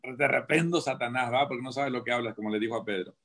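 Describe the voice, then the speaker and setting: A man's voice: mid-range voice, steady tone, racing. A man, a prison preacher, talking through his faith on a radio show with many rhetorical questions and restarts. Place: radio studio.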